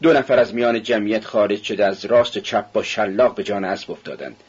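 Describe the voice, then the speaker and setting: A man's voice: fairly low pitch, breathy edge. A man narrating a novel as an audiobook, telling it steadily and evenly. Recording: dull, muffled recording.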